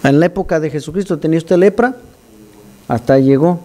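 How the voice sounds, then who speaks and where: Mellow-voiced pastor preaching. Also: male voice, fairly high pitch, quick pace. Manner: animated, teaching, scolds listeners for distracting him. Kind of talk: sermon.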